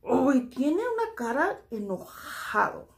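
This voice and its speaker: A woman teaching a children's drawing lesson, gently checking in with "ok" after each step and slipping English "so" into her Spanish. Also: sits high, very animated, slow pace. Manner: soothing, talks to toy friends.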